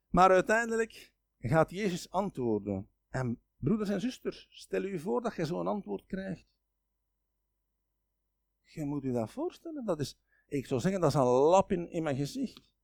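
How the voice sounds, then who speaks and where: Flemish male preacher, high gravelly voice, very lively delivery, dry close sound. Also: no echo. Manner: animated, dramatizes quoted speech with sudden loud and soft turns. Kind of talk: sermon.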